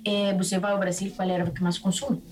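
A woman from Peru with a Peruvian Spanish accent, talking in a lively, chatty way as a chef being interviewed. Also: medium pitch, fast, recorded from a distance. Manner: lively, talkative, restarts often. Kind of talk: casual interview chat.

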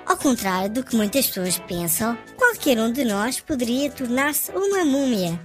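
A woman's voice: on the high side, very animated, normal speed, soft background music. A woman voicing a friendly little know-it-all who explains things to children in scripted narration. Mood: friendly, instructive. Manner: clear explaining, greets young listeners.

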